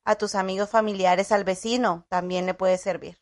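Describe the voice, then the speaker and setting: A woman hosting a podcast, chatty and lively as she wraps up the show. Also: mid-range voice, moderate pace. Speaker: podcast host. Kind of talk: casual chat.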